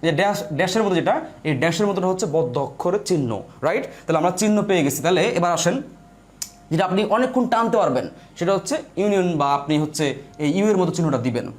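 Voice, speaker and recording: A man teaches a live online lesson in a high voice and at a fast clip. He goes step by step and says his points again and again. He calls his viewers "brother" as he talks to them. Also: expressive.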